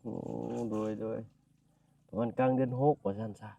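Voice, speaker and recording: A man's voice: on the low side, fairly even intonation, moderate pace, dark tone, no room sound. Chatty Isan man vlogging outdoors. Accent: northeastern Thai (Isan). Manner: chatty, addresses viewers as brothers and sisters, often apologizes. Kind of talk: casual vlog narration while walking. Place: outdoors in a village. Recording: dry sound, voice at a distance from the mic.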